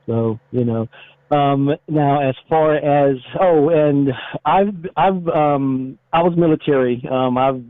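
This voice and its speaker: This retired military man, now a motorcycle YouTuber, chats casually by phone in an interview, his informal speech carried on a muffled narrowband line. The middle-aged American has a slightly high voice and speaks slowly, with no echo.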